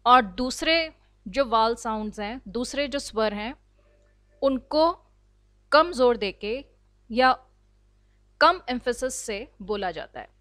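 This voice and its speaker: A woman with an Indian accent teaching an online English class, explaining slowly and deliberately and mixing in English phrases. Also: sits high, a bit bright, no echo. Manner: slow, deliberate explaining, switching between Hindi and English. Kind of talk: online lecture.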